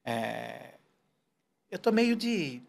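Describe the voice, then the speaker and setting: This forty-something man speaks very slowly in a medium-pitched voice with vocal fry as a guest in a casual interview. Still animated, he tells stories and quotes people in brief put-on voices.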